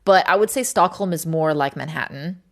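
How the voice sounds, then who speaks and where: Speaking briskly in a deep voice, a livestream host from Sweden talks informally to her viewers. Her rambling is peppered with fillers and occasional swearing.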